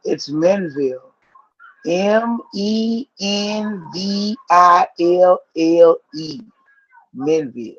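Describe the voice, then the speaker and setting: This is a woman doing a flustered figure faking grief, stammering in broken English at a slow pace. The recording is dry and lo-fi. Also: fairly low pitch, no room sound. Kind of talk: amateur script read.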